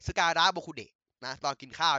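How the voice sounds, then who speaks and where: A man excitedly retelling an anime episode in casual chat, laughing often and using crude slang. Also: fairly quick, no room sound, highs cut off. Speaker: anime recap host.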